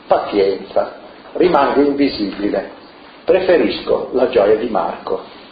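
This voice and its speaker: A man's voice: lowish voice, lively intonation, measured pace. A man voicing a small, fretful male salt jar with a plaintive little voice, in a storybook reading. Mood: pleading. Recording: echoey room, muffled, faint noise.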